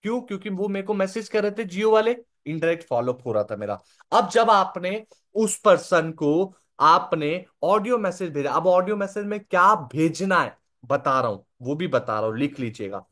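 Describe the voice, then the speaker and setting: A man's voice: high voice, animated, normal speed, a bit bright. A young man giving a live online sales training, repeating his points and checking that listeners follow.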